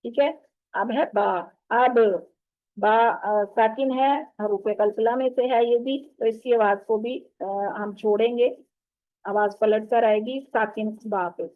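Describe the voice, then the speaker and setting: A woman teaching an online tajweed lesson, patiently explaining and modelling each sound with slow, drawn-out recitation over a video call. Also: a little high, fairly even intonation. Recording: tinny phone-like online call audio.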